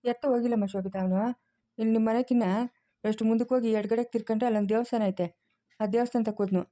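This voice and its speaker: A woman voices a gentle old grandfather in a homemade village drama. He talks with a rural Kannada accent, slightly high and mellow in tone, and explains things patiently to calm his worried family. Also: fast, close to an everyday voice. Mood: reassuring. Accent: rural Kannada, Chikkaballapur region. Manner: patient, soothing, explains at length. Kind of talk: amateur family drama acting.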